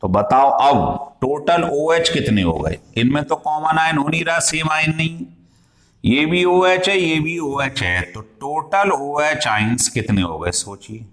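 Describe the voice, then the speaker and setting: A man's voice: on the high side, expressive, a little slow, fairly bright tone. A male chemistry teacher lecturing in a classroom style, explaining step by step and asking his students questions as he goes. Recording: echoey room.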